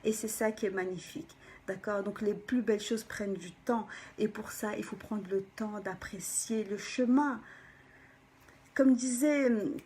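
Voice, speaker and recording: A woman, a personal development coach, gives an animated motivational talk to viewers, often checking in with them and sometimes dropping into a soft whisper for emphasis. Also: mid-range voice, a little slow, slightly rough. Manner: animated, keeps checking in with the listener.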